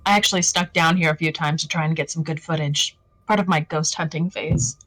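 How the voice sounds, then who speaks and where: A woman's voice: sits low, steady tone, brisk, a bit bright, dry recording, rough recording. A woman voicing a cheerful, wisecracking young ghost hunter in a fan voice drama. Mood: breezy. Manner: cheerful, joking and unbothered.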